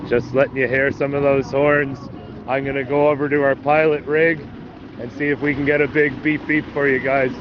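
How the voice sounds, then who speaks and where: Man from Newfoundland on CB walkie-talkie, upbeat on-location report; muffled lo-fi radio with loud street and vehicle noise. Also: mid-range voice, little pitch movement, moderate pace. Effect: over CB walkie-talkie radio. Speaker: rally organizer calling in. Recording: lo-fi radio with outdoor traffic noise.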